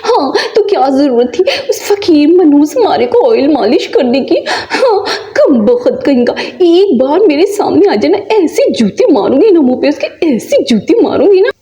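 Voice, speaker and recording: Lady doing a dramatic mom doll, high voice, mellow tone, sobbing and scolding, kinda muffled audio. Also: sing-song, moderate pace, hardly any pauses. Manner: wailing, half laughing half crying. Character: fussy wailing mother doll, dramatic and scolding. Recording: slightly muffled recording.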